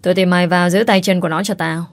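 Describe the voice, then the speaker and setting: Woman voicing a gruff lecherous old man. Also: fairly low pitch, fairly even intonation, very fast, no room sound, close to an everyday voice. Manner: gruff, scolding, leering. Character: lecherous bossy old man in his sixties.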